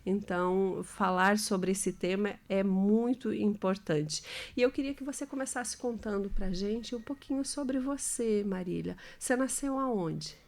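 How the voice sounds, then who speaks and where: A woman's voice: medium pitch, unhurried, hardly any pauses, darkish tone. Woman radio host, friendly studio chat, easy mid voice. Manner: chatty, friendly, often adds tag questions. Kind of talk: live radio talk show. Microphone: studio microphone.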